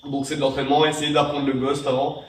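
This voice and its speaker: In an echoey room, with the mic set back from him, a young vape tricks tutorial host who has a cold talks quickly in a slightly high, level voice. His casual how-to wanders, packed with fillers and restarts.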